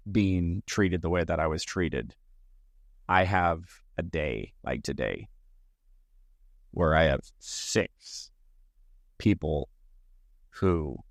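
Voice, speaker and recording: A low-voiced man who lives in Arizona hosts his own comedy podcast, delivering a solo monologue in an earnest, reflective way and stringing his thoughts into long lists. The sound is studio quality with no echo.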